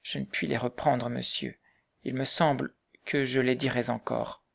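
A man reading the part of a bitter, grieving young mother, speaking softly and subdued in an audiobook. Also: mid-range voice, flat delivery, normal speed, vocal fry. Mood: troubled. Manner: soft, subdued, hushed.

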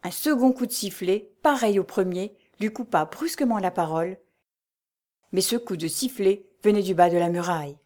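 A woman narrating a historical adventure novel aloud in a measured, even storytelling voice. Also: mid-range voice. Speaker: audiobook reader. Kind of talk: scripted narration.

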